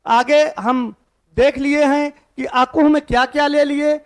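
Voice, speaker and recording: Man, Sanskrit teacher, very high voice, asks the class questions and answers them. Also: fairly even intonation, measured pace. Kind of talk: classroom lesson.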